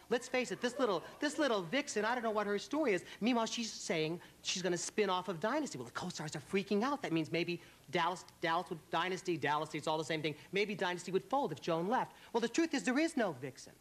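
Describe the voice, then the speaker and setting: A middle-aged man giving sassy, campy celebrity gossip as a talk-show guest. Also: high voice.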